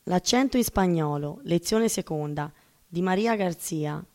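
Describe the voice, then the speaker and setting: A woman reading a scripted language lesson in a measured, deliberate way, pausing over lists of words. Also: lowish voice, a little mellow.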